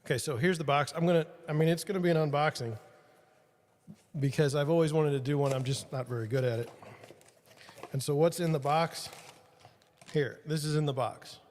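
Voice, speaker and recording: His voice a little high and darkish, a podcast host speaks a little fast but with long pauses in an echoey room. He rambles to his viewers, self-deprecating, as he fixes gear during a livestream, and his studio mic levels keep changing.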